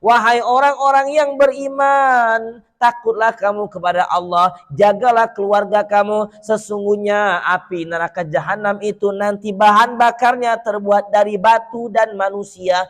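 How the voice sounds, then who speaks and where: A man preaching a sermon to children at an Islamic boarding school, animated, leaving words unfinished for the listeners to complete. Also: high voice, a little slow. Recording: long hall reverb.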